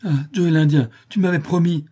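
A man's voice: a little fast, slightly rough, natural voice. A man voicing a frightened drunk man who pleads in a raised, tearful voice. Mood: reproachful. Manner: high, loud pleading.

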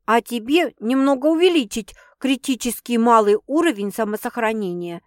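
A woman putting on a loud, high, teasing big sister for a storybook read-aloud. She mocks and scolds in a blunt, quick way, voice pitched well up and sharp. Dry, close recording. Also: dry recording, natural voice. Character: brash teasing young woman, older sister.

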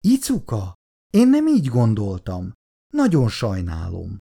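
A man's voice: lowish voice, huge pitch swings, vocal fry, warm tone, husky, full character voice. A reader voicing an awkward young man who apologizes in a flustered, pleading way in a storybook reading.

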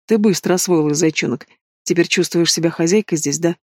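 A man voicing a domineering, possessive mobster in an audiobook, speaking low and mocking. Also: brisk, a little mellow, dry recording, clean studio sound, lightly acted. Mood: menacing.

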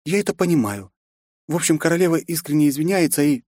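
Male reader doing a young princess, sad, courteous, high voice, dry close sound. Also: lively intonation, quick pace, darkish tone, dry recording. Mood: hurt. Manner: polite, subdued.

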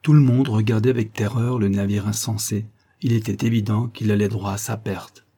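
A man reading a classic novel aloud as scripted narration in a steady, dramatic manner. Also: on the low side, moderate pace. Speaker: audiobook reader.

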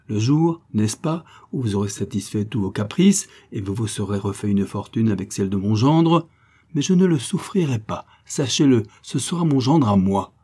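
A man's voice: on the low side, mellow, slightly rough. A man reading aloud, voicing a greedy, scheming older countess who speaks in indignant reproaches.

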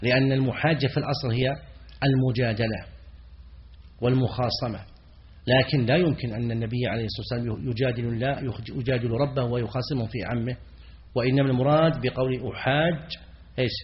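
Middle-aged male scholar, classroom lecture, mid-pitched voice, repeats words and checks understanding; muffled lo-fi recording. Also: steady tone. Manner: repeats key words, pauses to quiz students; clears throat now and then. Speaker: Islamic scholar teaching a text. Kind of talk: classroom lecture explaining grammar and meaning.

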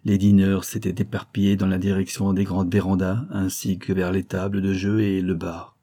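A man narrating a literary story aloud in a measured, even manner. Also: low voice. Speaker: audiobook narrator. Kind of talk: scripted narration.

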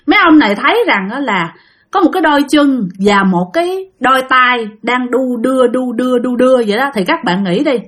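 Woman telling a ghost story, high lively voice, chatty. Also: a little fast. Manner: chatty, addresses listeners directly. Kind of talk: spooky story narration.

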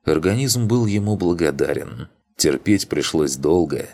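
Спокойный чтец аудиокниги, мужчина, голос очень глубокий. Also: male voice, low voice, expressive, unhurried, dark tone. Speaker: audiobook narrator. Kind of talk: scripted audiobook narration.

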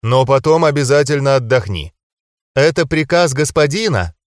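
A man voicing a caring, firm young female werewolf healer in an audiobook, speaking gently but insistently. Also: medium pitch, expressive, moderate pace, no echo, clean studio sound, close to an everyday voice. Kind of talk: audiobook character voice.

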